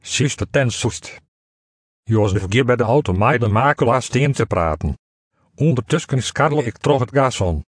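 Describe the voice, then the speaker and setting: Calm male storyteller. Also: mid-range voice, dry recording, clean studio sound. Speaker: narrator. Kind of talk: first-person story reading.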